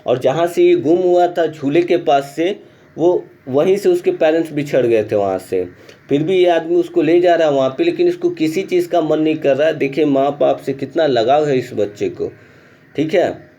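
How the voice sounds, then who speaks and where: A man's voice: a little high, warm tone. A male teacher reads a textbook chapter aloud. He then explains it in a chatty way and keeps checking in with the class. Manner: reads English text slowly, then explains it in chatty Hindi with repeated check-ins.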